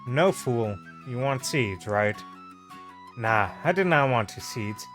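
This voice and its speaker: A man voicing a gruff, scheming male squirrel guide in a game, with a put-on Scottish accent and a rough, blunt manner. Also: mid-range voice, animated, slow pace, a bit bright, faint music behind. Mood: wheedling. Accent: attempted Scottish.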